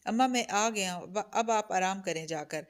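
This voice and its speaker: A woman's voice: mid-range voice, close to an everyday voice. A woman reading the part of a cold, domineering young man who is heir to a feudal estate, in a harsh, arrogant and menacing manner. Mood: commanding. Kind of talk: audiobook character reading.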